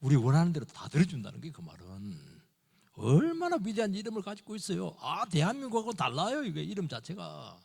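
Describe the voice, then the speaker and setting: A middle-aged male pastor preaching a Sunday morning sermon, acting out dialogue in short, animated bursts. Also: a little high, fairly quick, vocal fry, breathy edge. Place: church sanctuary. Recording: long hall reverb in a church.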